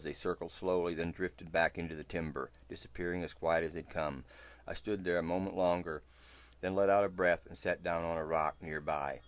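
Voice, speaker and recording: A man reading a first-person western story aloud, in a steady, low narration.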